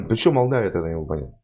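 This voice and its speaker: Male streamer host, mocking interrogator, medium pitch, very animated intonation. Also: gravelly, husky. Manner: persistent, mocking questioning. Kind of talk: prank chat interrogation.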